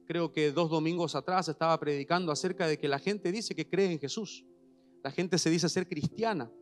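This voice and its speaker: A male pastor with a Paraguayan Spanish accent, preaching a sermon that moves from calm teaching to emphatic declarations. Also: fairly high pitch.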